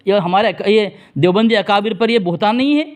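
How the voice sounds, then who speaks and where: A man in a theological debate over a phone call, insistently pressing his opponent for answers while staying formally respectful. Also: high-pitched. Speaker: religious debater.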